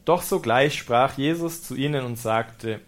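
A male priest gives a sermon, reading scripture aloud and then reflecting on it. He explains patiently and calmly, with touches of gentle humor. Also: medium pitch, measured pace. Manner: German-speaking preacher.

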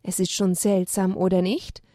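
A woman voicing a wise, calm male owl who speaks thoughtfully. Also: medium pitch, no echo, studio quality, natural voice. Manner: thoughtful, measured.

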